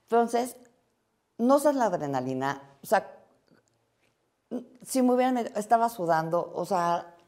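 Woman telling a story, mellow voice, acts out the back-and-forth. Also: medium pitch, a little slow, pauses often. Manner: lively, acts out quoted dialogue. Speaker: interviewee. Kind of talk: animated storytelling in an interview.

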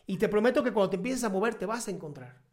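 A woman's voice: medium pitch, expressive, racing, a little mellow. A woman giving heartfelt life advice in casual conversation, emphatic and playful, acting out little quotes.

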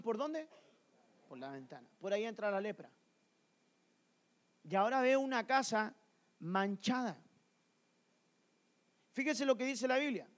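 High-voiced preacher man, animated sermon. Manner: animated storytelling with rhetorical questions to the congregation. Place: church.

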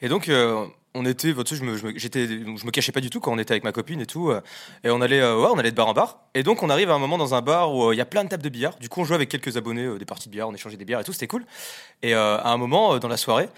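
A man's voice: mid-range voice, animated, fairly bright tone. A young man on a live stream, telling a funny story in a casual chat, with lots of fillers and laughs. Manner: fast, laughing, many fillers. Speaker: content creator on a live stream.

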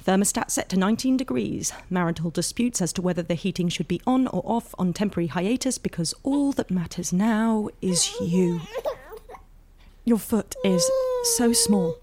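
A woman's voice: mid-range voice, animated, moderate pace, slight background noise, close to an everyday voice. A woman voicing an exhausted new mother. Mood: tender. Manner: hushed, confessional inner voice. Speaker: narrator. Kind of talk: intimate dramatic monologue.

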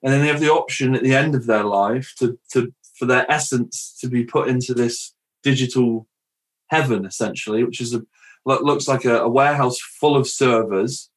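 A man hosts a podcast in an easygoing, chatty way, telling stories in loose rambling asides. He jokes around and laughs often. His voice sits at an ordinary middle pitch. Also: normal speed. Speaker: podcast host. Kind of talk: casual podcast conversation.

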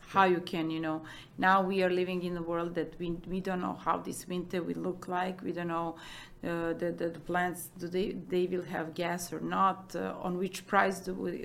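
Low, gravelly woman. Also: a little hiss or hum. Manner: hesitant, many fillers and restarts. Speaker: business executive guest. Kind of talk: conversational interview answers.

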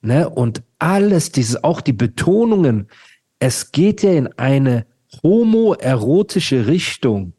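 A man co-hosting a podcast in casual chat, talking in an animated, slangy way and often calling his co-host "Bruder". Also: mid-range voice, takes it slowly, slightly rough.

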